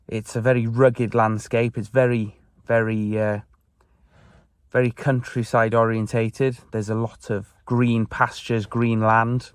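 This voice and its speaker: A Welsh man in his twenties, a native Welsh speaker and church youth member, earnestly reflects on his faith to camera from his parked car. He speaks with a Welsh accent in a mid-range voice, and there is no echo.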